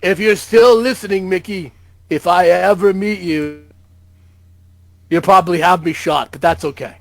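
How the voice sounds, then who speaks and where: A man's voice: high voice, normal speed, vocal fry, fairly bright tone. A man co-hosting a casual gaming podcast, joking about doom in an overly dramatic way. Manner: dramatic mock-doom humor. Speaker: podcast co-host.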